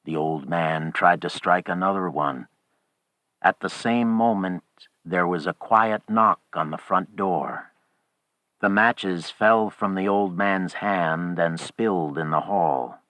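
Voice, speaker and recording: A male narrator reading a horror audiobook with a very deep, low voice. He takes his time, grave and measured, in a dry, close sound. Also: fairly bright tone, no echo.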